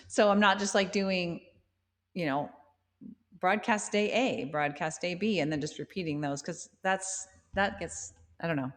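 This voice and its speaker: Slow-talking woman chatting with reverb. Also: lowish voice. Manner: chatty, rambling, self-amused. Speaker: singer-songwriter hosting a livestream. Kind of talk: casual chat with live viewers.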